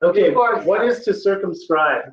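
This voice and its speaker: A man's voice: sits high, measured pace. A man teaching an online test-prep class, playfully quizzing his students on word roots. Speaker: tutor. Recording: echoey, dull lo-fi sound.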